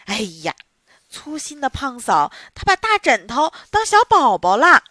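A woman telling a children's bedtime story in an expressive, sing-song way. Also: sits high, unhurried, no echo, studio quality.

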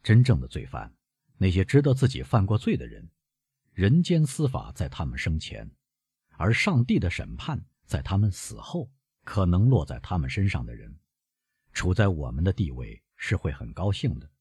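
A cold, calculating magistrate lays out his reasoning in a measured, low voice, read by a male narrator. The tone is husky and close, with a dry sound. This comes from storybook narration. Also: huge pitch swings, a little mellow, no echo, full character voice.

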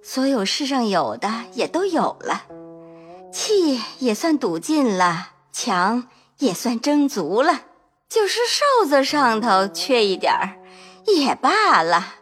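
A woman's voice: fairly high pitch, big pitch swings, unhurried, a bit bright, faint music behind. A woman in her twenties voicing a proud, bitter young noblewoman who sighs and speaks in a cutting, melancholy way in an audio drama. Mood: despairing. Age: 20s.

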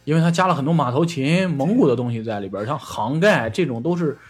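Very raspy man with lively intonation. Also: medium pitch, fast talker, soft background music. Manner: colloquial, joking. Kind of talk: casual chat.

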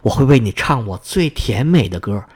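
A man's voice: mid-range voice, lively intonation, moderate pace, darkish tone, breathy edge, voice pushed down. A man voicing a small devoted nightingale in a fairy-tale reading, calling out earnestly.

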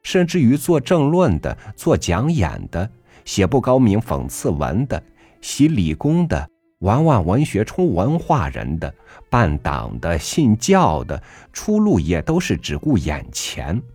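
A man reading a literary essay aloud for a podcast, measured and earnest, rising emphatically on rhetorical questions. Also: fairly low pitch, wildly swooping pitch, husky, no echo. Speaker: podcast reader. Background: soft background music.

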